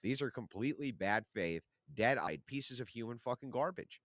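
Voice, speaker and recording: A man's voice: mid-range voice, expressive, normal speed, a bit bright, no echo, clean studio sound. A man hosting a political stream, ranting with angry sarcasm and mocking impressions. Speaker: stream host. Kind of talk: heated political commentary.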